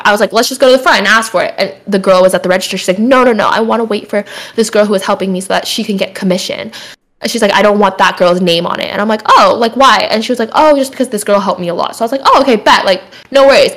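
A woman's voice: medium pitch, rapid-fire. A young woman telling a long story in a casual chat, laughing often and acting out what people said. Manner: animated, laughs often, acts out quotes.

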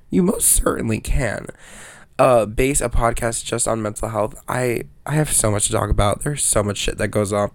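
A man's voice: mid-range voice, gravelly, no echo. A man with allergy congestion, hosting a casual solo podcast in a rambling, slangy, self-interrupting way. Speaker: podcast host.

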